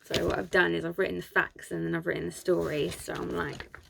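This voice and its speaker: Casual woman host with a sore throat, reading history from notes with chatty asides, a fairly low voice. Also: little pitch movement, brisk, vocal fry, noisy background.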